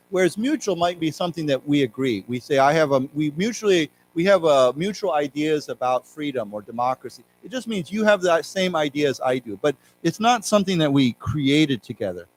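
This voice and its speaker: A man teaching an English class, who reads news passages aloud slowly, then explains the words and spells them out letter by letter. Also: on the high side, rough recording. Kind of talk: classroom lecture on news vocabulary. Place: library lecture room.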